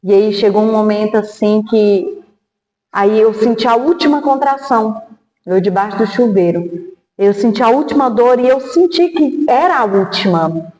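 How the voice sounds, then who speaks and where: A woman with a dark, mellow voice tells a painful personal story in earnest. She is a podcast guest who acts out the lines of people in her memory. The sound is roomy, with a long echo like a hall. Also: mid-range voice, moderate pace, slight background noise. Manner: earnest, acts out remembered dialogue. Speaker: guest sharing a testimony. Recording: echoey hall.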